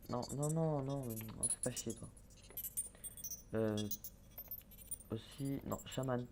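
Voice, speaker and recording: A young man with a mid-range, fairly bright voice narrates a let's-play in a loose, casual way. As a gaming YouTuber, he hesitates a lot, fills gaps, restarts sentences, and mutters while he plays, against faint background noise.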